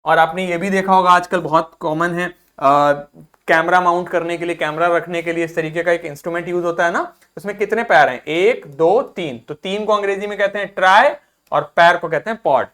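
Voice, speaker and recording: A man's voice: high voice, brisk, fairly bright tone. A man teaching English vocabulary in a recorded lesson, explaining in Hindi with English terms mixed in, repeating each word and quizzing his listeners. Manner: drills pronunciation by repeating words and quizzing listeners. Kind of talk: classroom-style recorded lesson.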